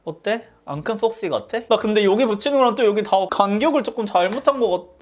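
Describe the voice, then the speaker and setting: Over soft background music, a beauty vlogger with an expressive, mid-range voice talks fast through a makeup tutorial. The chat is casual, they talk to themself, and they often break into surprised exclamations.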